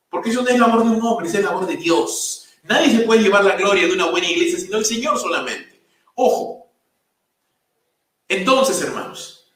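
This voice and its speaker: A man's voice: high voice, a bit bright. A male pastor preaching a sermon, emphatic, building lists and quoting exclamations. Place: church sanctuary. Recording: very echoey room, voice from a distance.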